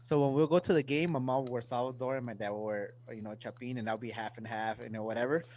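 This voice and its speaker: A man's voice: medium pitch, steady tone, quick pace, darkish tone. A young man co-hosting a podcast, chatting casually, laughing and swearing, mixing in Spanish. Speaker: podcast co-host. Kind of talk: casual chat.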